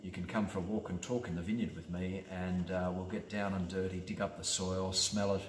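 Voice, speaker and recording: A middle-aged man with a very low voice presents a wine tasting in a relaxed, chatty way. He rambles happily and fills his pauses with ums and uhs, and his voice bounces around a roomy, echoey space. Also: slight background noise. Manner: rambling, enthusiastic with many fillers. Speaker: winemaker. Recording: echoey room.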